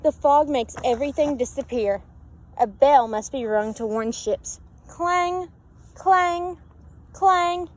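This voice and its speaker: Reading a children's picture book aloud with lots of expression, a woman uses sing-song repetitions and asks her listeners questions. Her voice is high and her pace slow, with steady noise in the background.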